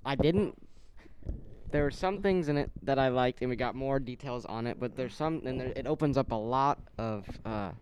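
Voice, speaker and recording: A man's voice: medium pitch, normal speed, a little mellow, a little hiss or hum, low-quality recording. A man co-hosting a casual podcast who rambles and keeps restarting his thoughts. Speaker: podcast co-host.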